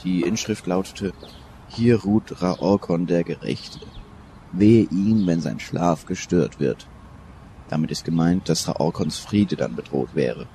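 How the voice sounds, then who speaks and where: A deep-voiced stern old professor. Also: male voice, slow pace, mellow, slight background noise. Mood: lecturing. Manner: authoritative, lecturing. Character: stern older male Egyptologist professor. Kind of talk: radio play acting.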